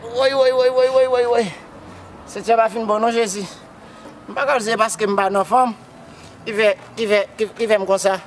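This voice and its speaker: A man's voice: sits high, fairly even intonation, normal speed, slight background noise, close to an everyday voice. A man with a Haitian accent playing a grief-stricken widower who sobs, wails and keeps calling out to Jesus. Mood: grieving. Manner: repeats words, cries out to Jesus. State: wailing and sobbing. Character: grief-stricken man mourning his dead wife.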